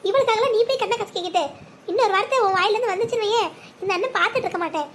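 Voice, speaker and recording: A woman voicing a caring young man, son and elder brother, in an animated family drama, speaking reassuringly. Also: very high voice, rapid-fire, a little hiss or hum. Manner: reassuring, steady, protective.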